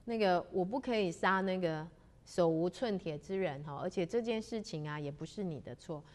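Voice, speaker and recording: A woman's voice: on the low side, moderate pace, big-room sound, lightly acted. A woman voicing a worried male soldier in a spoken story. He pleads anxiously. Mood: alarmed.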